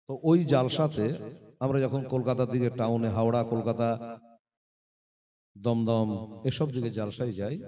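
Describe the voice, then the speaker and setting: A man's voice: mid-range voice, a little mellow. A man preaching a sermon, half-singing his lines and speaking directly to the women in the crowd. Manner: half-sung melodic preaching, addresses the women listeners directly. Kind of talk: chanted Islamic sermon.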